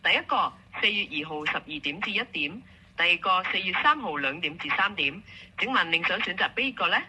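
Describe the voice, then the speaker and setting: A very bright, forceful woman's voice with a Hong Kong Cantonese accent, pitched slightly low and a little husky. She works as an automated appointment assistant, reading polite, formulaic customer service lines. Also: animated, brisk, poor audio. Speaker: automated salon booking assistant.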